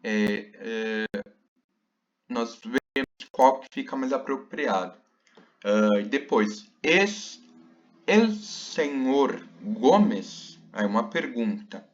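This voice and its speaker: A man teaching a slide lesson, talking slowly with many fillers and checking questions. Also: lowish voice, lo-fi sound. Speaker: Spanish teacher.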